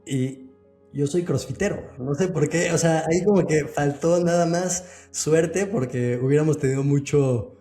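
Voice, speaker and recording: A man's voice: a little high, a little slow, dark tone, soft background music. A man in his thirties hosting a podcast, chatty and a little hesitant as he frames his questions. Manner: chatty, hesitant restarts while framing questions. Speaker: podcast host. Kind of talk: casual interview conversation.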